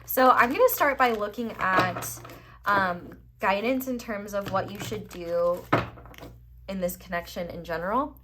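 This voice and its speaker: A woman's voice: medium pitch, a little slow, noisy background. A young woman chatting casually through a tarot reading, filling her talk with "like" and "I feel like". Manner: chatty, many "like" and "I feel like" fillers. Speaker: tarot reader.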